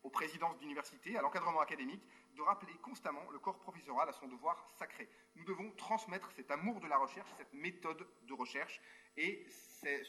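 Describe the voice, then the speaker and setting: A university researcher, a man, reads a prepared formal talk to a conference over a remote link, now and then breaking off for spoken asides and hesitations. His voice is on the high side, fairly quick and bright, with a forceful tone.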